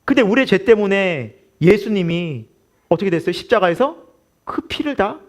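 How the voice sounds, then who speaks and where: A man's voice: high-pitched, animated, moderate pace. A man in his forties preaching a sermon as pastor, telling a family story with laughter and asking the congregation questions.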